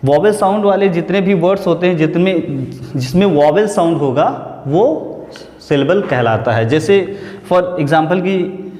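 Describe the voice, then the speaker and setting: A man teaching grammar in a classroom lesson, slow and deliberate, repeating key words and asking rhetorical questions. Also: high-pitched, darkish tone. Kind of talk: classroom lesson, explaining step by step. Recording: echoey classroom with long reverb.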